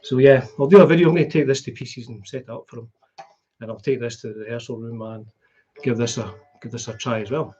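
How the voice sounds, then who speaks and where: A middle-aged man with a broad Scottish accent and a husky voice, chatting casually and in a rambling, conversational way as he hosts a live stream. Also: mid-range voice, steady tone, fast, mellow, muffled recording, faint music behind. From Scotland. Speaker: guitar vlogger hosting a live stream. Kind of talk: casual chat.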